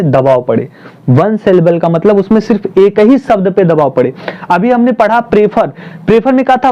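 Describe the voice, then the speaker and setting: A man with a high, mellow voice teaches a Hindi grammar lesson in classroom style, asking questions and then answering them. He repeats points, slowly spells out terms and leans on syllables; the recording sounds dull and lo-fi.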